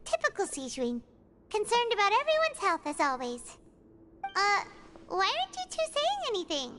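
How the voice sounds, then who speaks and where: Squeaky, childlike little fairy companion. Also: female voice, huge pitch swings, measured pace, noisy background, heavily acted. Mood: chatty, curious. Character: small childlike floating fairy companion, chirpy, talks in third person. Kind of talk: video game voice acting.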